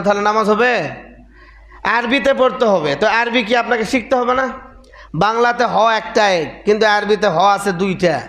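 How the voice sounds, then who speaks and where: A very high-pitched man delivers a Friday sermon as a mufti. He hammers his points with emphatic repetition and keeps firing rhetorical questions at the congregation. His voice rings through an echoey prayer hall. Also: a bit bright. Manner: emphatic, repetitive preaching cadence. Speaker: mufti preaching.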